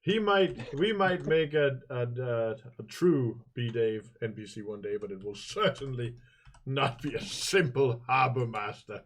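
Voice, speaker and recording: A man's voice: mid-range voice, lively intonation, a little slow. A man narrating as game master in a tabletop role-play game, rambling and joking with many fillers.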